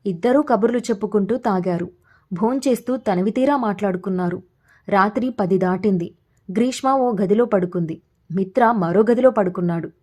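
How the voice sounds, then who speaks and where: A woman reading a story aloud in an even, measured storytelling manner. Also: mid-range voice. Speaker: story narrator. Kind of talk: scripted story narration.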